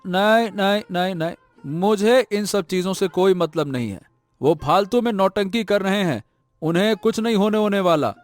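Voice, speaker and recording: A man voicing a greedy, stubborn elder son in an animated story, talking brusquely and waving others off. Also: high-pitched, normal speed, dry recording, faint music behind, lightly acted. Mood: scornful. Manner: brusque, dismissive, repeats "no, no".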